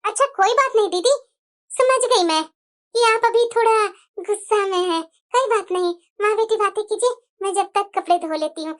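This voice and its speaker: A woman voicing a meek, overly polite young daughter-in-law in a Hindi cartoon, speaking in a soft, sweetly submissive way. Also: very high-pitched.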